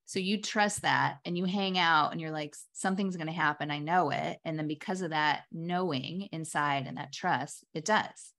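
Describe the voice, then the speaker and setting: A woman with a slightly low voice hosts a casual interview podcast. She sounds eager and upbeat as she picks apart her guest's stories. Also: moderate pace, hardly any pauses, fairly bright tone. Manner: enthusiastic, talks of magic and trust. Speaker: podcast host.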